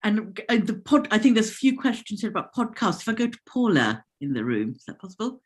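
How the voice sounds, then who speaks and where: Female moderator, fast, lively intonation, brisk questions. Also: mid-range voice. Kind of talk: webinar moderation.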